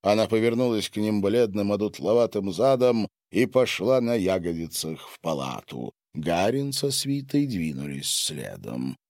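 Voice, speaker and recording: A man reading a novel aloud as narrator in an expressive, theatrical manner. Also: fairly low pitch, unhurried, few pauses, dry recording, studio quality. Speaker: audiobook narrator. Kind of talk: scripted narration.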